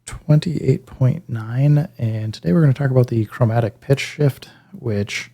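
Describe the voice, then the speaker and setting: There's vocal fry in this man's dark voice, and he talks a little slowly. He's leading a hands-on music gear walkthrough in a laid-back, hesitant manner, voicing his thoughts and knocking himself down a bit. Synth pad and bass demo samples sound in the background.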